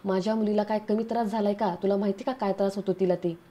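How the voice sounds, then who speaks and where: A woman's voice: mid-range voice, steady tone, fast talker, warm tone, natural voice. Resentful older neighbor lady snapping accusations, woman reading.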